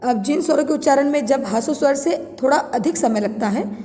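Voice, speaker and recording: A woman teacher with a high, mellow voice talks students through a grammar lesson. She reads each definition, then repeats it slowly in simpler words and speaks to the class directly. The recording has a long, echoing reverb. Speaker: Hindi teacher.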